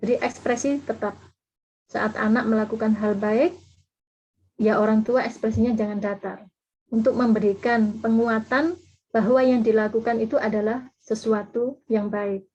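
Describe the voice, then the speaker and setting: A woman's voice: a little high, mellow, husky. A woman speaker giving an online parenting seminar, explaining patiently and acting out sample intonations. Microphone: video call audio. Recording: dull lo-fi video call audio.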